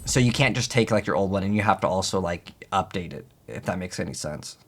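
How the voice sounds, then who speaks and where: A man's voice: deep voice, lively intonation, fairly quick. A man giving casual, rambling, conversational gameplay commentary as the host of a gaming video. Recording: game music behind the voice. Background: video game music.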